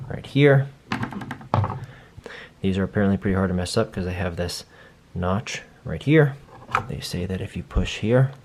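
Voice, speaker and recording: A man's voice: low voice, background noise. A young man casually walking through his first hands-on build, chatty and self-deprecating as he thinks aloud. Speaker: vlogger building a PC.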